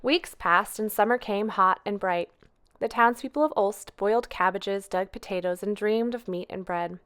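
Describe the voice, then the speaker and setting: A woman's voice: medium pitch, smooth. Woman reading a storybook aloud. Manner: gentle, expressive, unhurried. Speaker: storytime reader. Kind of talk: children's storybook read-aloud.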